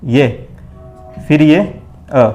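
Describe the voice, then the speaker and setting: Faint music plays behind a man giving a blackboard lesson for exam preparation, his fairly high voice warm and steady as he speaks extremely slowly. He repeats each question and answer in call-and-response drills and keeps referring to his audience as friends.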